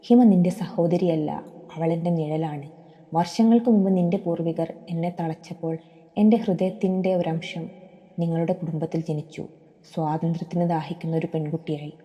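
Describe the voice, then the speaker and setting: A woman's voice: low voice, steady tone, normal speed, muffled recording, lightly acted. A woman voicing a fierce, ancient female forest spirit who roars and menaces, in a storybook reading. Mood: roaring fury. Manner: roaring, menacing. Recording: long hall reverb.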